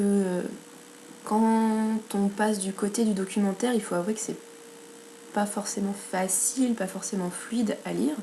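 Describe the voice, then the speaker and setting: A woman's voice: medium pitch, dark tone, a little hiss or hum. A woman with a French accent reviewing books in a casual vlog, chatty, with many fillers and self-corrections. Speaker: book blogger.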